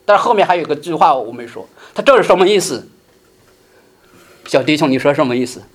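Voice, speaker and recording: A middle-aged male pastor preaching a sermon, swinging between loud emphasis and soft, hushed asides. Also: on the high side, animated, quick pace.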